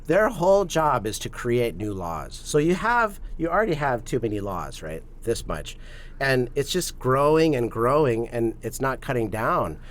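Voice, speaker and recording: A man speaking as a guest on a podcast, explaining his views in a measured, earnest way. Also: medium pitch, very animated. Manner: measured, earnest, with many fillers and restarts. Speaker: guest, policy advocate. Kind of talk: podcast interview talk.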